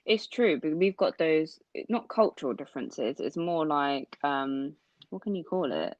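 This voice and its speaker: Chatting on a podcast she co-hosts, a young woman from London speaks a little slowly in a low but animated voice, agreeably dropping in "mm-hmm" again and again. There's no room sound, and the audio is dull, dry and lo-fi.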